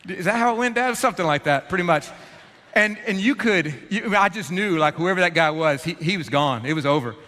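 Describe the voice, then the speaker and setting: A man preaching a storytelling sermon, animated and self-deprecating, in a large church auditorium. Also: high-pitched, brisk. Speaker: pastor. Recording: long reverb of a large church hall.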